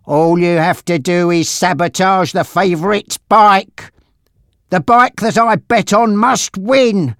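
In an audiobook story, a narrator voices a menacing male gangster boss who taunts with a threatening, drawn-out delivery. The voice is medium-pitched and pushed up, recorded studio quality with no room sound.

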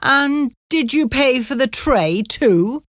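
A teasing, stern policeman, as a woman puts him on, raised in pitch and loud. His words come out slow and pointed, close and dry. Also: animated, no room sound. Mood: mocking. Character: stern, mocking male police officer.

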